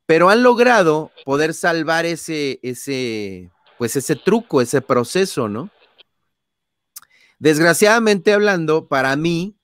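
A man's voice: medium pitch, a bit bright, no echo, studio quality. A man with a Mexican accent, an interview guest telling anecdotes casually and acting out scenes with sound effects, often adding tag questions. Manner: frequent tag questions and fillers. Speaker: guest, son of a famous singer.

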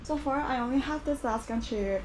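Chatty young woman, slightly high voice. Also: moderate pace, music in the background. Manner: chatty, listing new things. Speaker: vlogger. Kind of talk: casual vlog voice-over.

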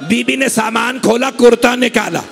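A man's voice: very high-pitched, fairly even intonation, normal speed, gravelly, fairly bright tone. A man reciting a Muharram majlis, impassioned and pleading with the gathering. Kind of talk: emotional Muharram majlis sermon. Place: imambargah gathering.

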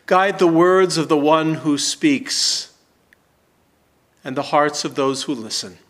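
A man in his sixties, a pastor, reading scripture and praying in a slow, measured, emphatic way in a church sanctuary. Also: a little high, a bit bright.

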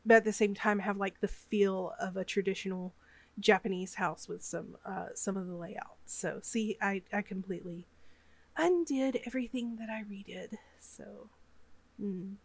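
A woman with a Southern US accent and a mid-range voice talks at a moderate pace while sick and sniffly. She chats casually about her game build, rambling along with plenty of ums and uhs.

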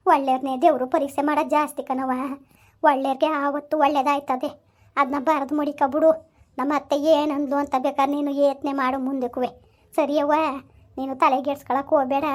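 A woman's voice: high voice, lightly acted. A woman playing a village mother-in-law, coaxing and scolding in a family drama. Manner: coaxing, repetitive, forceful when threatening her son. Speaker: mother-in-law in a family skit, also addresses viewers.

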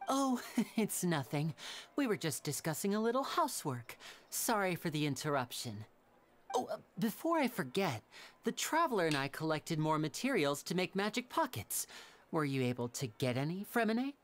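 A man voicing a smooth, teasing young male stage magician in a game, gentle and polished. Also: a little high, very animated, normal speed, a little hiss or hum. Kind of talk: game voice acting.

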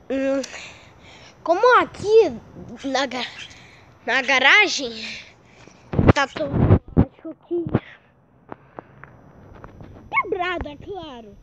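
Recorded with lo-fi sound and slight background noise, a high-pitched woman with a Brazilian Portuguese accent vlogs casually at home. She moves between rooms and the garage, being dramatic, exclaiming, and repeating words for effect.

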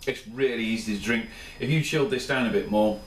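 Brisk and mid-range, a tired man in his thirties rambles casually and enthusiastically through a beer review in his small home kitchen. A camera mic a few steps off records him distantly, the sound roomy with slight background noise.

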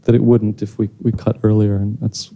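A man's voice: lowish voice, level tone, normal speed, dull audio. A man in his thirties answering audience questions after a screening, speaking into a handheld mic on a theater stage, thoughtful and hesitant with many restarts. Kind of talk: post-screening Q&A.

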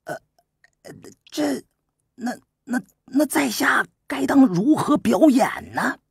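A man's voice: big pitch swings, takes it slowly, vocal fry, husky, dry recording, clean studio sound, exaggerated voice. Man doing a stammering timid young prince. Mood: nervous. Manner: stammering, hesitant, higher and quiet.

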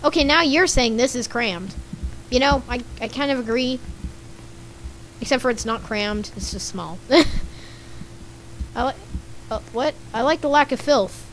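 On the high side and a bit bright, her slightly scratchy voice moves a little slowly with frequent pauses. She's a young gaming YouTuber giving casual, giggly commentary, chatting away while reading the on-screen chat and reacting to it.

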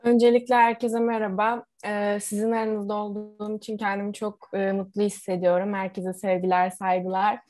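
A young woman giving an informal short speech, earnest and pausing, on a headset video call. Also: medium pitch, little pitch movement, darkish tone. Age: young adult. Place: room at home, indoors. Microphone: earphone headset, video call.

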